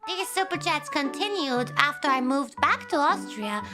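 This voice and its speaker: Brief: woman streamer, casual chat, high and excitable, loose and profane. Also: normal speed. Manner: excitable, shrieking and swearing freely. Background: background music.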